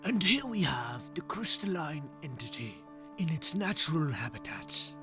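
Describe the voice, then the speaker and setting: A man's voice: on the high side, sing-song, music in the background. A man putting on a mock-solemn wildlife narrator. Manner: mock-solemn, slow, hushed. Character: hushed male nature-documentary narrator parody.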